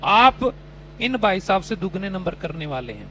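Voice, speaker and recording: A man's voice: sits high, big pitch swings, moderate pace, fairly bright tone, a little hiss or hum, low-quality recording. A man teaching a test-prep class, teasing and mock-scolding his students while quizzing them on whether they follow. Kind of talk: classroom coaching lecture.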